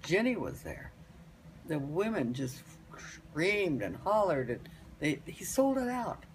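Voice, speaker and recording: An elderly woman, a grandmother, casually telling family stories in a halting, rambling way and repeating phrases for emphasis. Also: fairly low pitch, big pitch swings, a little hiss or hum, rough recording. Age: older, grandmother.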